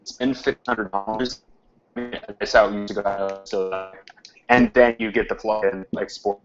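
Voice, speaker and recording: A man's voice: lowish voice, flat delivery, a little slow, music in the background. A man in an online team meeting, explaining things at length with restarts and fillers. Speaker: team member. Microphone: computer mic on a video call. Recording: muffled call audio with faint noise.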